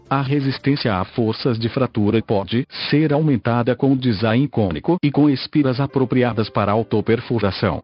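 An old speech synthesizer voice of a Brazilian man narrates a scripted podcast. The delivery is stiff and mechanical, with a husky, rough-edged tone. The audio is muffled and lo-fi, with music behind it. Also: mid-range voice. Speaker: podcast host. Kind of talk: scripted narration, reading an article aloud.

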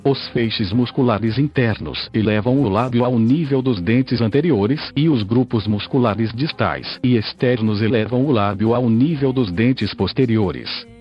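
A man's voice: medium pitch, lo-fi sound, faint music behind. Synthesized male voice reading an article. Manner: even, measured text-to-speech delivery. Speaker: podcast host. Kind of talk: reading a scientific article aloud.

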